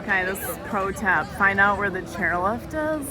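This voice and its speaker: A woman's voice: mid-range voice, animated, normal speed, crowd noise. A woman chatting casually to the camera as she narrates an outing outdoors, given to exclamations. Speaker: travel vlogger. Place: outdoors at a mountain resort.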